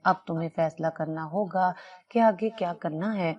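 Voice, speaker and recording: A woman's voice: on the low side, lo-fi sound, natural voice. A woman voicing a stern female doctor who speaks in a warning tone.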